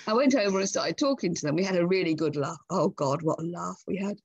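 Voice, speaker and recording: A woman guest on a podcast, chatty and full of laughter, telling lively anecdotes. Her voice is breathy and a little husky. The sound is dry, with no room around her. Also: on the low side, fast talker, no echo, dull audio. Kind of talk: casual interview chat.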